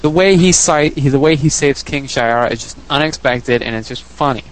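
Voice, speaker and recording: A man's voice: medium pitch, moderate pace, slight background noise, rough recording. A man co-hosting a casual podcast discussion about a video game, rambling and often correcting himself. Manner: rambling, self-correcting, chuckling. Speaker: podcast co-host.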